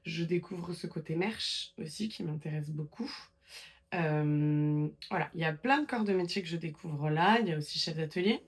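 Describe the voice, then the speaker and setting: A chatty woman telling her story in a relaxed interview, with a slightly low voice. She talks in a loose, conversational way, full of fillers and restarts. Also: normal speed. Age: 20s. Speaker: guest. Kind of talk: casual interview chat.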